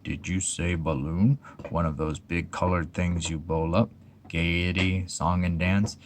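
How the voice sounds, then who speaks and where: A man voicing Eeyore, a gloomy old male donkey in a storybook reading, speaking in a slow, mournful murmur. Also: sits low, flat delivery, slight background noise.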